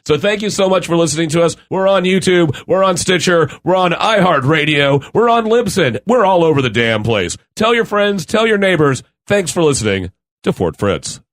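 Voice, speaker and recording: Animated joking male podcast co-host. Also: on the high side, moderate pace. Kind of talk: casual chat.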